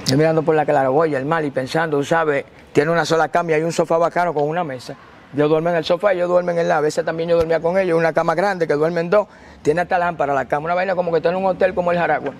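A man, a guest telling his story in an animated, slangy way and acting out the quotes. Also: fairly high pitch, rapid-fire, vocal fry. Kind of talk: casual storytelling.

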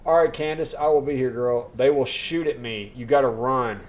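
A man with a mid-range, somewhat dark voice streams a game live from his home desk, talking at a moderate pace. He speaks straight to his chat as he comments on the gameplay, getting worked up easily and swearing.

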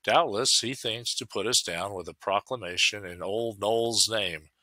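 A man reading aloud, voicing a haughty gentleman who mocks with amusement. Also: lowish voice, measured pace, no room sound. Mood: mocking. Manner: mocking, amused.

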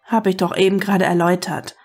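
A woman's voice: fairly low pitch, level tone, quick pace, darkish tone, faint music behind, close to an everyday voice. A woman voicing an impatient young father who speaks plainly with a slightly annoyed edge in a storybook reading.

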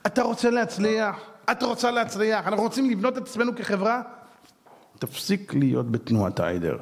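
A man, a rabbi, giving a lively sermon with anecdotes, acting out voices in quotes and firing rhetorical questions. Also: high-pitched. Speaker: rabbi giving a Torah lecture. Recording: long hall reverb.

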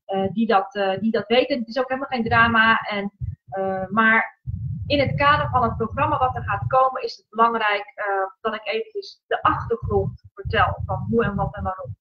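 A woman hosting a casual live stream from home, talking in a halting way with many fillers and restarts. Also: on the high side, husky. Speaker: livestream host, coach. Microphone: laptop. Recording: dull lo-fi laptop audio.

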